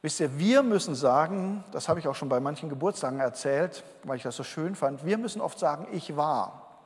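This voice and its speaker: A man's voice: fairly high pitch, expressive, normal speed. A man giving an earnest sermon to a congregation, explaining Bible verses. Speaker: pastor. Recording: long hall reverb.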